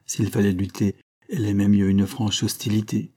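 A man reading a novel aloud as narrator, measured and expressive. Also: fairly low pitch, breathy edge. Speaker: audiobook reader.

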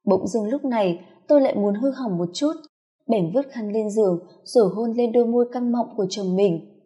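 Mellow-voiced woman telling a first-person story. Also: a little high, moderate pace. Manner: soft, intimate confessional telling.

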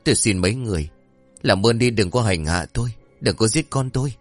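Storybook mother, older, frantic and pleading, wailing cries, read by a deep-voiced man. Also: lively intonation, a little fast, faint music behind. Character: frantic older mother hiding a guilty secret.

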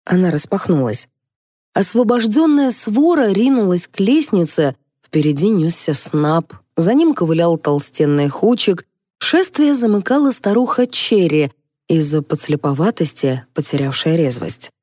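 Woman narrating a comic audiobook, dark tone. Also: lowish voice, measured pace, no echo, studio quality. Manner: lively, ironic storytelling. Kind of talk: first-person audiobook narration.

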